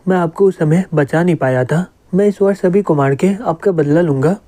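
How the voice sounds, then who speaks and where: A man's voice: fairly high pitch, normal speed, mellow, close to an everyday voice. A man reading as a vengeful undead guard lord. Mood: menacing. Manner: menacing, grim threats.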